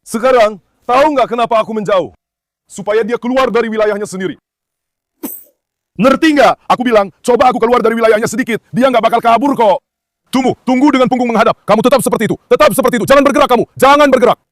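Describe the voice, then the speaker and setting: A man's voice: very high voice, dry recording, studio quality. A man vlogging outdoors, coaxing and calling to big dogs and talking to his companions in a casual, exclamatory way. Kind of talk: casual outdoor dog vlog. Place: outdoors in an industrial area.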